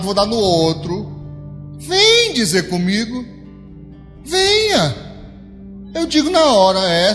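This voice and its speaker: Brazilian male pastor, high tenor, emphatic sermon delivery with sweeping pitch, speaks straight to the congregation; long room echo, soft music bed. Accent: Brazilian Portuguese. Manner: emphatic preaching with big pitch swings, addressing the congregation directly. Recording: long hall reverb with soft background music.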